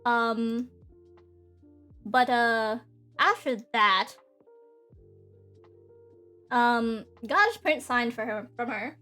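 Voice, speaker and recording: A woman's voice: on the high side, drawn-out words, long pauses, bright, forceful tone. Rambling young woman streamer. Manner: rambling, lots of fillers. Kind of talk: casual stream chat. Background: faint background music.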